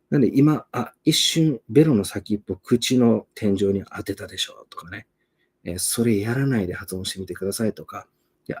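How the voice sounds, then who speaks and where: A self-assured man talks casually on a live stream. He is an English pronunciation teacher and rambles along in a chatty way. His voice is low, mellow and a little husky. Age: 40s.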